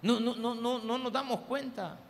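A man's voice: very high voice, moderate pace, creaky. A male pastor with a Salvadoran Spanish accent, preaching a sermon full of humorous personal stories and calling the congregation "hermano". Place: church service. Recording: church hall with long reverb, faint background noise.

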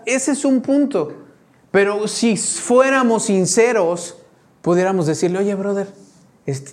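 A man with a Mexican accent preaching a conversational sermon, often checking in with his congregation. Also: high voice. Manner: chatty, keeps checking in with the congregation. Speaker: pastor.

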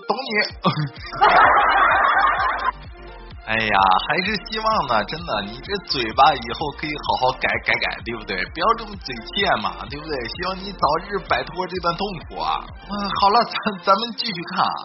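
A man telling funny stories in a casual, rambling monologue, keeps checking in with the listener and often bursts into loud laughter at his own jokes. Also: a little high, sing-song, quick pace, hardly any pauses. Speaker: joke-telling host. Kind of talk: casual comedic storytelling monologue. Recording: dull lo-fi audio with loud background music.

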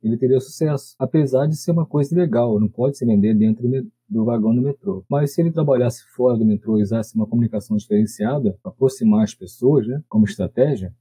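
Guy talking fast, dark husky voice, casual storytelling, dry sound. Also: medium pitch, no room sound, poor audio. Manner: conversational, checks in with "entendeu?". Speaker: podcast co-host.

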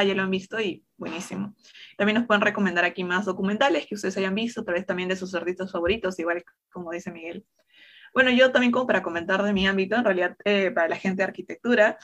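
A young woman co-hosting a casual talk show, relaxed and conversational. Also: medium pitch. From Peru. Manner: relaxed, conversational, with many fillers. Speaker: co-host.

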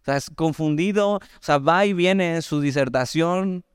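A Mexican man preaching in a relaxed, conversational sermon style, with a Mexican Spanish accent. His voice is smooth and resonant at a mid pitch. It is recorded close and dry, with no room sound. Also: no echo. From Mexico, Veracruz. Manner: conversational, animated asides, reads scripture slowly. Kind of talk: sermon, Bible teaching.

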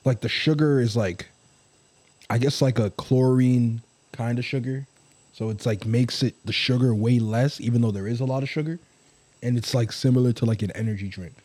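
A man's voice: mid-range voice, fairly even intonation, moderate pace, a little mellow. A young man in casual banter with a friend, rambling and teasing as he talks.

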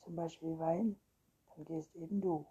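A woman reading aloud, voicing a big, gruff boy vampire with a croaking voice. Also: sits low, fairly even intonation, unhurried, dark tone, dull audio, full character voice. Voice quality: croaking, thundering.

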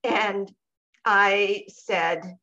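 A woman co-hosting a podcast, sharing her personal experience in a reflective, measured way and pausing to search for words. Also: medium pitch, fairly even intonation, pushed and bright, dull audio, a little hiss or hum. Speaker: podcast co-host.

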